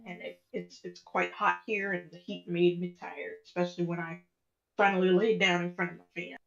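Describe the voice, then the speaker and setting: A woman rambles easily through a casual stream chat, trailing off into fillers. Her voice arrives over voice chat with a robotic, metallic distortion, gravelly with vocal fry, and the line sounds dull and lo-fi. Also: on the low side, flat delivery, moderate pace, soft background music. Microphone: voice chat over a computer. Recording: dull lo-fi online call audio.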